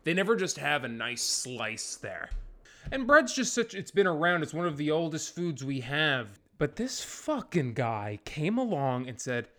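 Ein Mann moderiert allein einen Podcast und schimpft sich fluchend und weitschweifig durch einen komischen Monolog. Seine Stimme ist hell und scharf und springt lebhaft auf und ab. Er redet ausschweifend und gerät schnell in Fahrt. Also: male voice, fairly high pitch, measured pace. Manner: profane, rambling, animated. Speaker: podcast host. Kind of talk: solo comedic rant.

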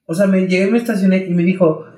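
Casting note: young Mexican man, high-pitched and animated, slangy storyteller, roomy echoey sound. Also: quick pace. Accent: Mexican Spanish. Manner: animated, slangy, many fillers and restarts. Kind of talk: casual storytelling chat. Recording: roomy echo.

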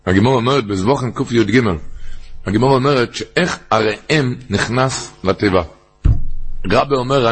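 A rabbi delivers a sermon in a gravelly, slightly husky male voice. He climbs to loud, emphatic peaks and chants the verses he quotes, then drops back to plain explanation. The sound has a broadcast, radio-like quality. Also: mid-range voice. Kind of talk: Torah sermon.

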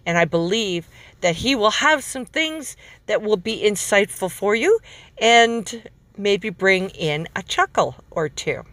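A woman's voice: mid-range voice, big pitch swings, slow, a bit bright, dry recording. A woman hosting a podcast in a conversational style, introducing and questioning a guest. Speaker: podcast host.

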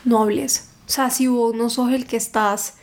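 A woman, a book content creator telling stories in a casual interview, emphatic and animated. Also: on the high side, a little slow. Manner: animated, emphatic storytelling with reported dialogue.

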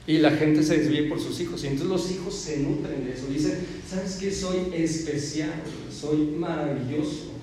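A man's voice: on the high side, a little mellow, a little hiss or hum. A man with a Mexican accent giving a playful, joking lecture as a therapist and speaker, acting out little voices as he explains. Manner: playful, jokey, acts out quoted voices. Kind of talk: motivational lecture. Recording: echoey hall.

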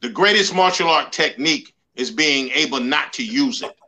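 Speaking a little high, expressively and at a normal speed, a sixty-something motivational speaker from the Bronx sounds pushed and bright. He is an interview guest and life coach, earnestly recounting his story with emphatic, repeated slogans.

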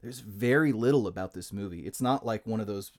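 A man with a lowish, darkish voice talks briskly as co-host of a casual movie podcast, presenting the film. He rambles, uses plenty of ums, and laughs easily.

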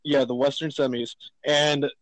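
A man's voice: mid-range voice, little pitch movement, a little slow, dry recording, low-quality recording. Young man in casual basketball chat. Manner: rambling, fillers, emotional.

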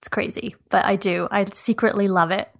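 A woman's voice: medium pitch, fairly even intonation, normal speed, creaky. A woman from Ireland, a guest on a trivia podcast, chatting casually and laughing easily over a remote call. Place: home near Toronto.

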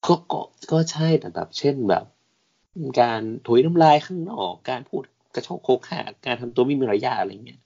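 A young man co-hosting a podcast, talking in animated, rambling casual banter full of crude slang. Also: mid-range voice, fairly quick, vocal fry, husky. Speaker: podcast co-host. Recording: dull lo-fi podcast audio.

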